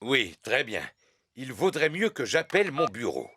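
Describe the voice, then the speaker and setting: A man voicing a jolly, bumbling daddy pig in a children's cartoon, hearty and expressive. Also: medium pitch, a little slow, slightly rough, no room sound, studio quality, full character voice. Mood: sheepish. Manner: hearty, expressive, slightly sheepish.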